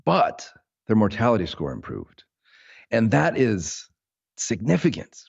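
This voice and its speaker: A man's voice: on the low side, huge pitch swings, measured pace, creaky, husky, highs cut off. An American man hosting a podcast, a clinician talking casually and enthusiastically with his guest. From United States. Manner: enthusiastic, affirming.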